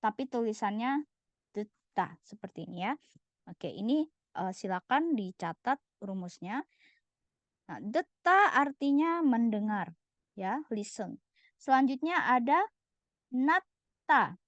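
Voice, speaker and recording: A woman teaching a language lesson, patiently repeating each word slowly for her students. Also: on the high side, lively intonation, no room sound. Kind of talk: slide-based lesson. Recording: dull, lo-fi voice recording.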